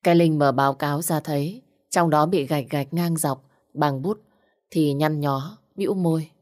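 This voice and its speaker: A woman's voice: sits low, moderate pace, darkish tone. A woman narrating a first-person story and reading every character's lines in her own voice.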